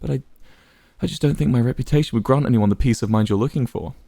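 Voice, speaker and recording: A man's voice: mid-range voice, quick pace, gravelly, warm tone, dry recording, studio quality. A man voicing a proud, volatile young man who stammers and turns bitter. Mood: hesitant. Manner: stammering, strained.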